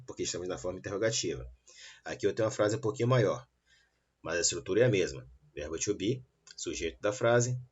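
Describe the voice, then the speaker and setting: A man teaching an English lesson, saying model sentences slowly and clearly between quicker explanations. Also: on the low side, a little mellow. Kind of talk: online English lesson for Portuguese speakers. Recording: dull, lo-fi sound.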